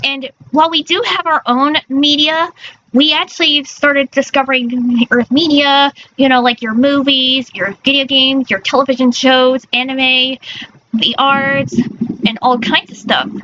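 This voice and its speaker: A woman streamer speaks in a high, bright, girlish voice with a cute anime flavor. Her chat is casual and halting, with stumbles and self-corrections. The recording is a little dull and lo-fi, with faint noise behind her. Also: steady tone. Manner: halting, stumbling over words. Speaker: streamer, virtual character persona.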